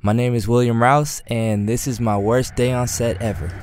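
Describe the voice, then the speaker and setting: Over music, a cinematographer guest recounts a mishap of his own on set, speaking at a normal pace in a medium-pitched male voice. He's casual and animated, pokes fun at himself, and acts out the quotes.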